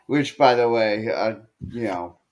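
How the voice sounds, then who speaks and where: A man co-hosting a casual wrestling podcast, retelling matches with lots of fillers and restarts. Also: on the low side. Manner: animated storytelling with frequent fillers and restarts. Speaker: podcast co-host.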